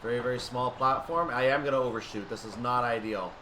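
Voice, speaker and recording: Narrating his run on a train simulator, this male gamer occasionally drops into station-announcer calls. He speaks at medium pitch and a little fast, over a constant background noise.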